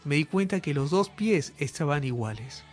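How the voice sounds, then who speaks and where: High-voiced man preaching fervent healing commands. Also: lively intonation, moderate pace, soft background music. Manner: direct address to viewers. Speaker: healing evangelist. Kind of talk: televised healing sermon.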